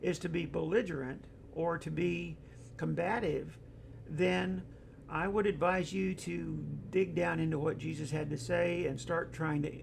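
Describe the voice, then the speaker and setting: A man's voice: a little high, fairly even intonation, unhurried, creaky, a little hiss or hum. A middle-aged man hosting an online discussion show, talking casually and reading out viewer comments, rambling with many fillers and stories.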